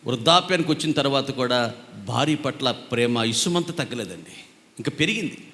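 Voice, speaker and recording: A man's voice: medium pitch, animated, fairly quick, a bit bright. A man preaching a sermon as pastor, telling stories, acting out quarrels and now and then breaking into sung lines. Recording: echoey hall reverb.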